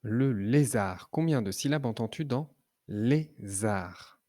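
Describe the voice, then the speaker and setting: A man teaching children to read, sounding out syllables slowly and clearly. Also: medium pitch, lively intonation, dark tone, no echo, clean studio sound. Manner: slow, clearly articulated syllables. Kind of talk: reading lesson for children.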